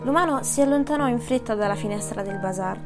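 A woman reads a storybook aloud in a steady, measured narration. Soft music sits faintly behind her voice. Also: a little high. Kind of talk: audiobook narration.

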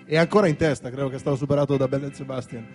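A man's voice: medium pitch, steady tone, rapid-fire, darkish tone, soft background music. A man giving enthusiastic, self-mocking film commentary in a casual radio studio chat.

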